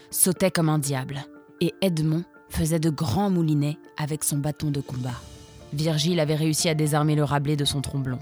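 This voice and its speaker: A woman narrating an adventure story in a steady, vivid reading voice. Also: low-pitched.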